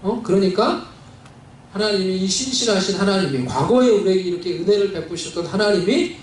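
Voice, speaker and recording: A man's voice: sits high, animated, fairly quick, a little hiss or hum. A male pastor preaching a sermon, telling a personal story in a heartfelt, conversational way with many fillers. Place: church sanctuary. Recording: very echoey church hall, mic at a distance.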